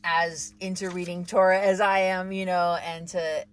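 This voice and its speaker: A woman's voice: lowish voice, flat delivery, normal speed, soft background music. A woman hosting as a rabbi, chatting enthusiastically and laughing often. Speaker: rabbi and host. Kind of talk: casual chat.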